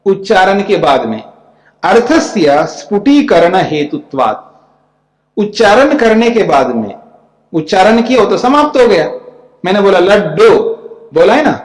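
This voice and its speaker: A man's voice: high voice, sing-song, moderate pace. A man, a spiritual teacher, giving a scripture commentary lecture; he reads Sanskrit lines, then explains each in plain speech and keeps checking that his listeners follow. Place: ashram lecture hall. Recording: echoey hall with long reverb.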